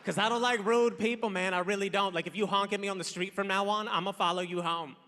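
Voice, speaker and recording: A man in his thirties performs stand-up with a high, bright voice. He talks bluntly in a loose, irritated, chatty way. The sound comes from a big hall with a long echo and some faint hiss. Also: fairly even intonation, quick pace. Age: 30s. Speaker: stand-up comedian. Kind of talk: stand-up comedy set. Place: large theater stage.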